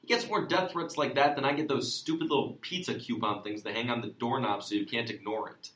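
An actor playing an exasperated, self-important sheriff who narrates a comic noir detective story. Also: male voice, mid-range voice, a little fast, a bit bright, lightly acted. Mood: stern, deadpan. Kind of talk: comic hard-boiled noir narration and dialogue. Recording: roomy echo.

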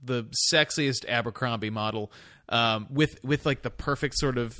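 A man's voice: medium pitch, normal speed, pushed and bright, no room sound. A man co-hosting a podcast, chatting casually in rambling bursts full of fillers. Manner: rambling, lots of fillers and quoted voices. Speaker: podcast co-host. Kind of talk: casual chat.

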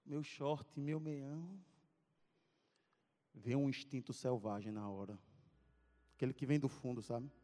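A man's voice: mid-range voice, measured pace, pauses often. A man preaching to a youth service, telling a comic story and acting out scenes. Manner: animated, acts out scenes, calls out to audience. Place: church sanctuary. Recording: long reverb of a church hall.

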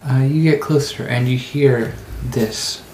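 A game master narrates a tabletop adventure at a slow pace. The delivery halts as scenes are described. The room is echoey, with faint background noise. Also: mid-range voice, fairly even intonation, darkish tone.

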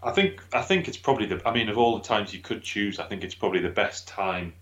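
A man co-hosting a casual podcast, supportive and quick with short agreements. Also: fairly low pitch, animated, fairly bright tone. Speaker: podcast co-host, expectant father. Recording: roomy, dull lo-fi sound.

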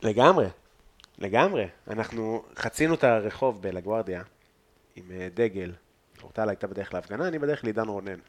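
Animated, lively man telling stories. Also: on the low side. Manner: laughs often, swears freely, acts out his stories. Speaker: stand-up comedian guest. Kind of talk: casual chat, animated storytelling. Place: home loft, indoors.

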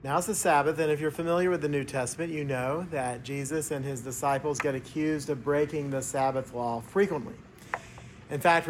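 A man delivers a sermon in a formal, measured manner, his voice a little on the high side. He sounds like he is reading from prepared notes, and there is some background noise in the church recording. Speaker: preacher. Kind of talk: sermon, homily. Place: inside a church.

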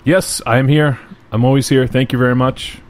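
A man's voice: mid-range voice, steady tone, moderate pace, darkish tone. A man bantering casually as a podcast co-host.

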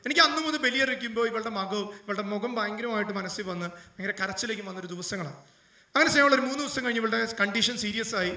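Male priest preaching, very high voice, sharp bright tone, emotional fervent delivery, echoey room, distant mic. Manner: emotional preaching, rising to loud fervent appeals. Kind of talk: sermon storytelling.

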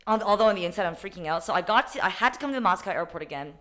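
Animated woman telling a story with swearing. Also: mid-range voice, rapid-fire. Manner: animated, swears a lot, acts out quoted lines. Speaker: podcast co-host. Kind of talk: casual storytelling chat.

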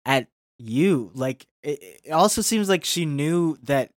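Low-voiced woman in casual chat, dry sound. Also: animated, takes it slowly, no echo. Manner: laughs often, short agreeing replies. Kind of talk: casual chat about a video game.

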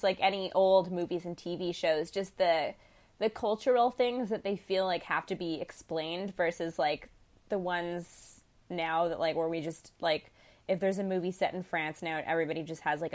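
A young woman with a lowish voice chats loosely about films. She laughs easily and keeps dropping in "like" and "um" as she goes. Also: normal speed, darkish tone. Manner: laughs often, many fillers like "like" and "um". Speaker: podcast co-host. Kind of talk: casual chat.

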